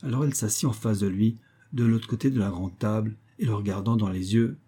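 A man narrating a classic novel in a measured, even storytelling manner. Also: fairly low pitch, husky. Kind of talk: audiobook reading of a classic novel.

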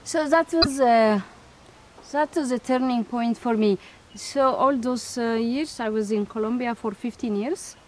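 A woman's voice: a little high, unhurried, darkish tone, a little hiss or hum. Woman, middle-aged, from Ethiopia, scientist, hesitant, lots of fillers, faint background ambience. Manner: hesitant, many fillers and restarts. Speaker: interviewee; scientist and institute director. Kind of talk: interview answers.

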